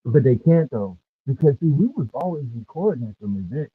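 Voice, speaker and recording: A man's voice: mid-range voice, sing-song, a little fast, husky, dry recording. A man telling stories in a casual chat with laid-back street slang, his voice muffled as if heard through a wall and set back from the microphone. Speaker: speaker in an online audio chat room. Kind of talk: casual storytelling.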